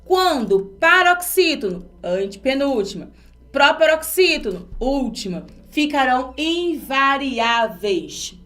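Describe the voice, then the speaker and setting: A woman's voice: high voice, big pitch swings, slow pace, a bit bright. A woman from Brazil teaching an exam-prep grammar lesson, explaining step by step and asking her students rhetorical questions.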